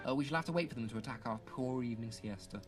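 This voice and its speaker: A man playing an eccentric, excitable alien doctor in pony form in a fan audio drama, theatrical and whimsical, full of exclamations. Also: medium pitch, very fast, music in the background, close to an everyday voice. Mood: playful, chatty. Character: eccentric, excitable male time-travelling alien doctor turned cartoon pony.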